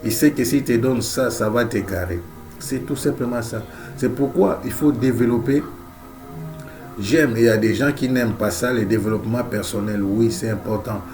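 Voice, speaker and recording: Faint music accompanies a male preacher speaking at normal speed in a medium-pitched voice, his Central African French accent thickened by a head cold. His sermon is emphatic, with repeated key phrases and frequent amens and alleluias.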